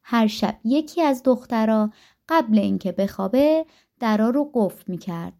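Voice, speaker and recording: A woman narrating a folktale audiobook in a gentle, rhythmic storytelling manner, recorded on a studio mic. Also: fairly high pitch, lively intonation, creaky.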